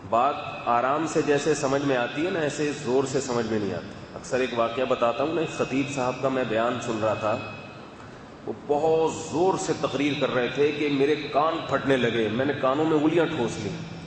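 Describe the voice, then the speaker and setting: A male preacher talks in a relaxed, chatty manner, turning to his listeners with asides. His voice sits in the middle range and rings through a roomy hall with a long echo. A faint hum lies under the talk. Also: medium pitch. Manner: calm, chatty, asides to the audience. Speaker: religious scholar giving a talk. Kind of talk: conversational religious talk.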